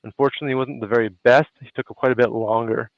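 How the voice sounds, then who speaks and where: A man with a Canadian accent hosting a live landlord chat on a video call, relaxed and chatty with many fillers. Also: medium pitch, rapid-fire, no room sound. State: a little out of breath. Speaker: host. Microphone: phone hotspot on a video call. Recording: dull lo-fi video call audio.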